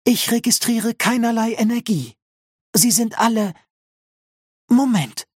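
A man voicing Schwester Grob, a female nurse robot who speaks in a flat, toneless deadpan, in an audiobook. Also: very high voice, a little slow, slightly rough, no room sound, studio quality, pitched above the performer's own voice, heavily acted. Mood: clinical.

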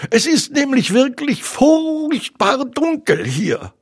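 Casting: timid trembling piglet, very high and thin, voiced by a man. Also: big pitch swings, slow, heavily acted. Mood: anxious. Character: timid small male piglet, anxious.

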